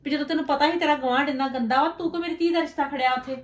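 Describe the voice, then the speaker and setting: Actress as meddling village aunt: high voice, gossipy, scolding, scheming; web series drama. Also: female voice, steady tone, rapid-fire, natural voice. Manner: gossipy, scolding, ends remarks with "haiṅ?". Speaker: paternal aunt.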